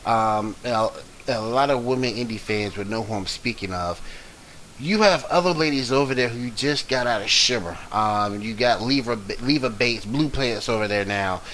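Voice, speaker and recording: A man hosting a casual sports talk review, steady and listing names between ums. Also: medium pitch, normal speed, a little hiss or hum, rough recording. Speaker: host.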